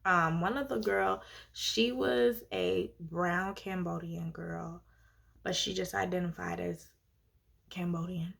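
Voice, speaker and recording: A woman's voice: fairly low pitch, steady tone, takes it slowly, vocal fry, fairly bright tone. A young woman vlogger chatting casually to her viewers, telling a personal story in a gossipy way with asides and emphatic swings. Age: young adult.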